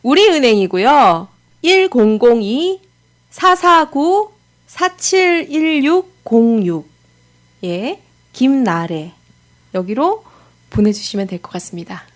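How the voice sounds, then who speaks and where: A woman's voice: a little high, lively intonation, slow. A woman co-hosting a casual conversation. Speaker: co-host. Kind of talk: casual chat.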